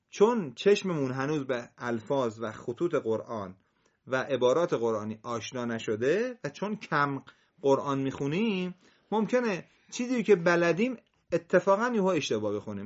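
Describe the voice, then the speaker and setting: A patient recitation teacher whose voice rises and falls a lot as it breaks each word slowly into syllables. The sound is dull and lo-fi, with muffled highs. The teacher slows way down to model each piece, then speeds back up to explain. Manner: patient, spells words out syllable by syllable. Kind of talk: recitation lesson with a student.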